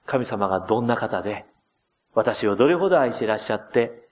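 A man preaching a sermon as pastor, gently explaining and addressing the congregation, dramatizing quoted words with changes in voice. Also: animated, fairly quick. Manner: dramatizes quoted words with shifts of pitch and loudness.

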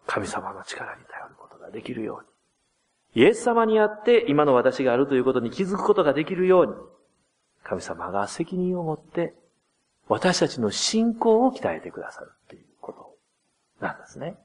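A man preaching a sermon as pastor, gently explaining and addressing the congregation, dramatizing quoted words with changes in voice. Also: big pitch swings, fairly quick. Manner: dramatizes quoted words with shifts of pitch and loudness.

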